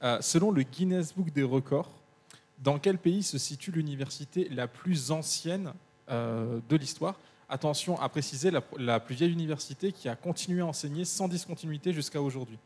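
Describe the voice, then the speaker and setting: A man co-hosting a live quiz, reading questions slowly and carefully with fillers in between. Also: on the high side, darkish tone, in a large hall.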